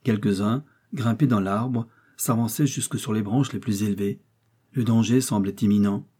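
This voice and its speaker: A man reading a classic adventure novel aloud as audiobook narrator, in an even, steady storytelling way. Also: fairly low pitch, normal speed, breathy edge. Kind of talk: scripted narration.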